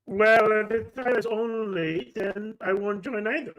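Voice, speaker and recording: Choppy voice-chat man, high-pitched. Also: steady tone, moderate pace, a bit bright, low-quality recording. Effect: choppy online voice-chat audio that keeps cutting out. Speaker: participant in an online meetup call. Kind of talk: casual group voice chat.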